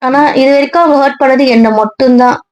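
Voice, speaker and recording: A woman's voice: high voice, fairly even intonation, fast, a little mellow, dull audio. Pleading, tearful young woman. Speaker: young wife in a family web series. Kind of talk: emotional web series acting.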